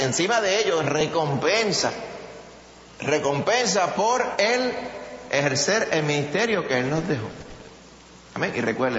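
A man with a Puerto Rican Spanish accent preaching a sermon, animated, acting out quotes with a rising voice. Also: fairly high pitch. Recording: echoey hall, dull sound, faint noise.

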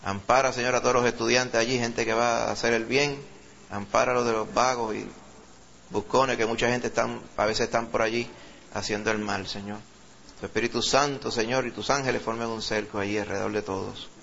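A male pastor with a Puerto Rican accent who leads a sermon, reads scripture slowly with rising emphasis, and prays fervently, repeating "Señor" and "Padre". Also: medium pitch, level tone, creaky, a bit bright, muffled recording, slight background noise. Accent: Puerto Rican Spanish. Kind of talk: sermon with scripture reading and prayer.

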